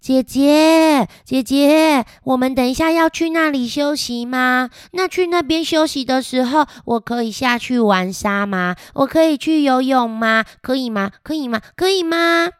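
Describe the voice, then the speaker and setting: A woman voicing a little penguin boy in a children's storybook, eager and pleading in a high, bouncy voice. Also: a little slow, few pauses, clear, resonant tone, dry recording, clean studio sound. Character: small excited penguin boy brothers.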